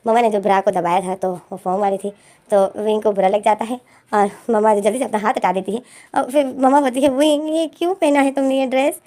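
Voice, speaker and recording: A woman's voice: medium pitch, steady tone, fairly quick, dark tone. A woman retelling a fan-fiction story in a chatty, casual way, with fillers and restarts.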